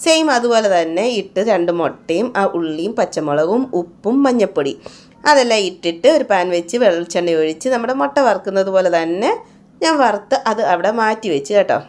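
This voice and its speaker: A woman narrates her day as a vlogger in an easygoing, chatty voice-over. She keeps tagging her sentences with little "you know" asides. Her pitch sits in the middle range. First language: Malayalam speaker. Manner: chatty, often adds "you know" tags.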